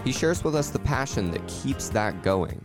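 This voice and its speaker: A man hosting a podcast, reading intros and a sponsor message in a friendly, steady way. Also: medium pitch, normal speed, music in the background. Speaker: podcast host. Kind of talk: scripted intro and sponsor read, casual chat.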